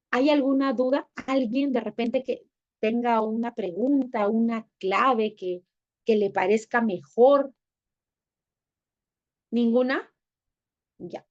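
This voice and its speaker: A woman's voice: fairly high pitch, darkish tone. A woman teaching an online class, affectionate and coaxing, who keeps asking the students to confirm they follow. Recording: dull lo-fi sound.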